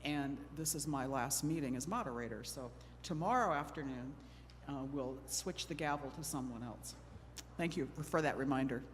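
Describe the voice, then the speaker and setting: In a church hall full of long reverb and faint noise, a middle-aged Oregon woman leads a panel discussion, nervous and talkative, making self-deprecating jokes with laughter. Her voice is a rumbling low, delivered at a moderate pace.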